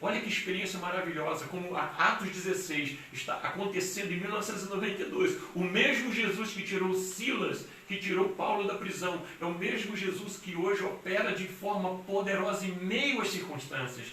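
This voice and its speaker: A pastor preaching with a bright, ringing, fairly high voice. His earnest storytelling slows for emphasis. He is heard from a distance in a very echoey church hall, with a faint hiss underneath. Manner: earnest storytelling, with emphatic slowing on key phrases. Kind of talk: sermon.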